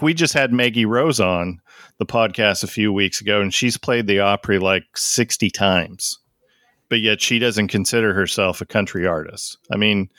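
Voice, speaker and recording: Lowish-voiced man hosting a casual podcast. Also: pushed and bright, no room sound, studio quality. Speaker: podcast host. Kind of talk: casual interview chat.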